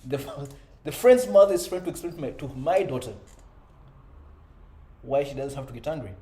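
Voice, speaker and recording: A man's voice: mid-range voice, expressive, normal speed, mellow. A man in his thirties, a father, speaking earnestly in a conversational self-improvement monologue, often adding "you know" and "right?". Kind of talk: reflective personal monologue. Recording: echoey room with faint ambient noise.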